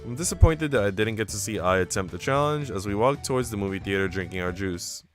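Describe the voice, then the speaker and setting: A game streamer with a lowish, expressive voice talks fast while reading a visual novel aloud, soft music playing underneath. He mixes the narration with casual, chatty remarks to his viewers between passages.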